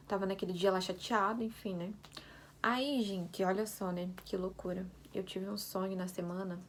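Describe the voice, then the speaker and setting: Soft-spoken young woman, near whisper. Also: medium pitch, a little hiss or hum. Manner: soft-spoken, often drops to a near whisper, fillers like "gente" and "sabe". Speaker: vlogger sharing a faith story. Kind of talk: personal testimony, casual storytelling.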